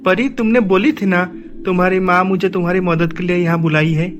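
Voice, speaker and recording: A man voicing a caring young uncle in an animated story, gentle with his niece and earnest. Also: high-pitched, brisk, faint music behind, natural voice.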